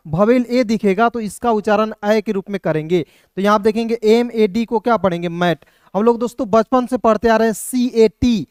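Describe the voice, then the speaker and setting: A man gives a patient, repetitive video lesson, walking through each point step by step. He often asks his viewers a short check question and answers it himself. His voice is smooth and resonant, and the sound is dry and close. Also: sits high, darkish tone, no echo. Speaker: English teacher.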